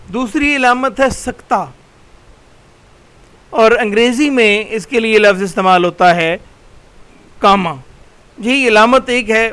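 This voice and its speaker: High-voiced male teacher with Pakistani Urdu accent. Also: a bit bright, clean tone. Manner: patient, explanatory, repeats key terms. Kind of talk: recorded slide lecture.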